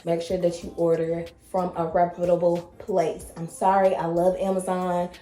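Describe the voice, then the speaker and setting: Young Kentucky woman with a strong twang for a casual vlog; low-pitched, mellow, fast, chatty, roomy echo, faint music under. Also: flat delivery. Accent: Kentucky Southern. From Kentucky, USA. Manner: fast-talking, chatty, laughs often. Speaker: vlogger.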